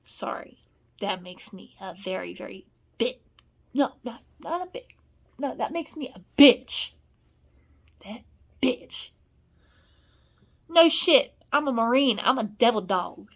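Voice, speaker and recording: Woman, fairly high voice, rambling monologue, blunt, profane, murmurs then scolds. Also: animated, unhurried, creaky, long pauses, breathy edge. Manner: swings between low murmurs and loud scolding. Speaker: vlogger.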